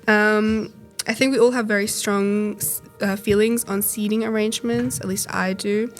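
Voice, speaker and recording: A woman's voice: medium pitch, fairly even intonation, normal speed, faint music behind. A young woman from Australia hosting a student discussion, hesitant with frequent "um"s. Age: young adult. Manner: hesitant, starts with "um". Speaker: podcast host.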